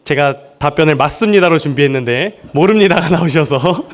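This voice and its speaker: A man's voice: on the high side, expressive, a little fast. A young man from Seoul, a junior pastor preaching a church sermon in a friendly, joking way. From Seoul, South Korea. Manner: friendly and joking, often laughing with the congregation. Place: church service.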